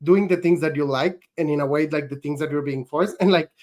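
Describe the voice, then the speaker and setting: A man's voice: fairly high pitch, a little fast, a little mellow. A man chatting as a podcast guest. He rambles through his story, leaning on "like" between thoughts. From northern Mexico. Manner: rambling, heavy use of "like". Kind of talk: casual chat.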